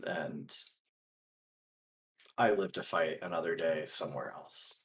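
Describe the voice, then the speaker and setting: A man playing a principled, earnest gunslinger in a tabletop role-play, speaking deliberately in halting phrases. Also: deep voice, slight background noise. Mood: earnest, resolute.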